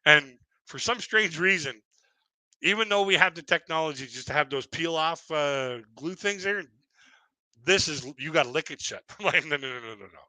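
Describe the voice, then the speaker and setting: A man in his fifties tells a rambling stand-up bit on a live stream, with many fillers and chuckles at his own jokes. His voice is very bright and a little high for a man. The sound is dry and close, with no room echo. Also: animated, normal speed. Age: 50s. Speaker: stand-up comedian.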